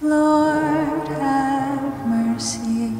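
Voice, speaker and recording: A woman singing the hymn and responses as cantor, holding each note slowly, her voice carried by a cathedral echo. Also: high voice, fairly even intonation, darkish tone. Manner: slow, sustained singing. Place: large church. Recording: echoey church hall with clear music.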